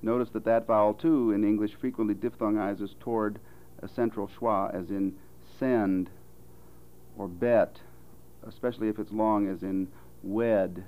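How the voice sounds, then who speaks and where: An American man giving a careful, measured demonstration of vowel sounds as a phonetics instructor. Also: on the low side, level tone, dull audio. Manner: slow, careful, measured delivery with deliberate example words. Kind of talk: recorded vowel demonstration lecture.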